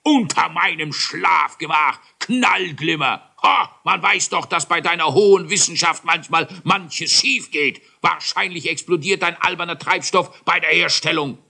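A man voicing a hot-tempered, pompous dwarf king who booms and rants in a children's audiobook. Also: moderate pace, sharp tone. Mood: furious. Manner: booming, ranting, indignant. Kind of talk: audiobook character voice.

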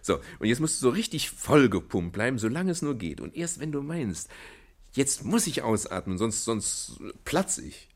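An actor playing a good-humored father in a children's radio play, patient and gently teasing, often chuckling as he explains things to his little girl. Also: mid-range voice, sing-song, normal speed. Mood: patient teaching.

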